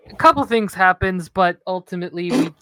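A woman's voice: fairly low pitch, expressive, pushed and bright, no room sound. Woman playing a stammering, flustered young warrior. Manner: stammering, halting, clearing throat.

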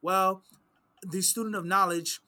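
Here the Islamic teacher speaks at a measured pace, his slightly high voice carrying a tense, forceful edge while his tone holds steady. Sitting in conversation and answering questions on religious principles, he repeats important phrases for weight and weaves Arabic quotations into his explanations.

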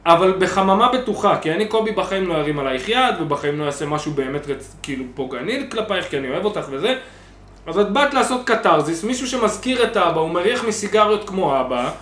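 Loud animated man. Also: sits high, reverberant. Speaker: podcast co-host. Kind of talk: casual podcast banter.

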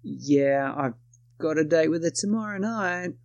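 A man's voice: a little high, slow, gravelly, no echo, muffled recording. A man with an Australian accent narrating his own story in first person, wry and self-deprecating.

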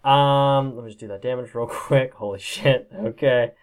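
A man's voice: medium pitch, fairly even intonation, moderate pace, clear, resonant tone. A man narrating a tabletop game as game master, loose and rambling, with plenty of swearing.

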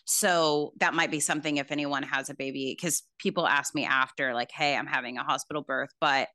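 Low-voiced chatty woman with a bright tone. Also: fairly even intonation, fairly quick, no room sound, clean studio sound. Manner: chatty storytelling, lots of "like". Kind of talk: casual chat.

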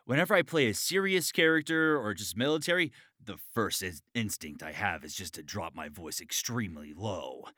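A man with a lowish, bright, forceful voice speaks animatedly at a moderate pace, hardly pausing, in clean studio sound without echo. He's an interview show host and voice actor chatting casually about voice acting, with an enthusiastic, encouraging, sweary manner.

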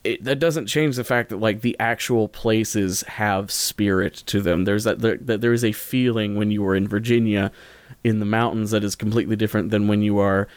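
On his solo podcast, a man with a fairly low, steady voice chats casually and makes recommendations at a moderate pace. His talk is informal and jokey, full of rambling and self-corrections, with no room sound present.

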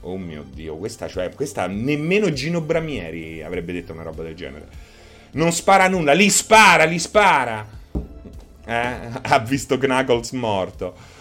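A man chatting casually on a live stream, joking with viewers and doing squeaky animal imitations. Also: moderate pace, faint music behind. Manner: animated, jokey, breaks into high squeaky fox imitations. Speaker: streamer host.

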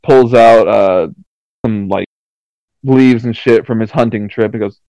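A man's voice: lowish voice, measured pace, mellow, no room sound, rough recording. A man telling crude jokes in a casual podcast chat, stumbling and laughing at himself. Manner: laughing, stumbling, self-mocking. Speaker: podcast co-host.

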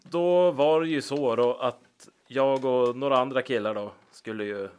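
A man's voice: medium pitch, darkish tone, smooth. A man co-hosting a casual chat, telling a story about a gig in an easygoing way. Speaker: podcast co-host, musician.

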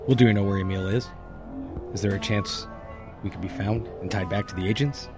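A man's voice: on the low side, steady tone, brisk, over music. A man in a dramatized briefing, asking questions as the superior.

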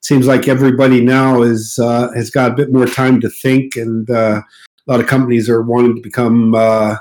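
A man in his sixties from Morocco with a mid-American-sounding accent, a guest in a casual interview at his countryside home, talking in a relaxed, hesitant way with many fillers. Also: mid-range voice, moderate pace, poor audio. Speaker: guest car designer.

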